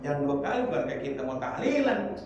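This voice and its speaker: A man's voice: on the high side, moderate pace, dark tone, muffled recording, a little hiss or hum. A man preaching an informal sermon, mixing street slang with Arabic prayers. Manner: colloquial Jakarta slang mixed with Arabic prayers. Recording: echoey room, distant from mic.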